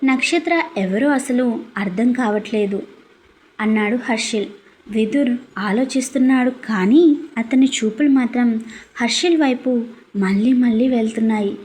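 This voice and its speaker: A woman's voice: on the high side, darkish tone, husky. A woman narrating a serialized love story, reading the characters' dialogue in lightly shaded voices.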